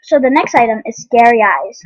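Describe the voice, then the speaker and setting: High, breathy girlish gamer voice. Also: animated, brisk, dry recording, highs cut off. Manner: rambling, many ums and restarts; eating while talking. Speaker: game vlogger. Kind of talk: casual gameplay commentary.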